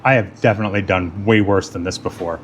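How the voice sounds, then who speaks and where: Working in his garage for his own channel, this host talks loosely to himself and his audience, muttering asides, occasionally whispering and poking fun at himself. He speaks fast in a low, steady voice, and the recording is very noisy.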